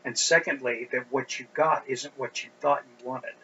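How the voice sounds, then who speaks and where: A middle-aged man preaching an expository sermon as a pastor, speaking deliberately and pushing up his voice on stressed points. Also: medium pitch, steady tone, bright, forceful tone. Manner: deliberate, with emphatic rising stresses. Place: church sanctuary. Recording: dull lo-fi recording with faint hum.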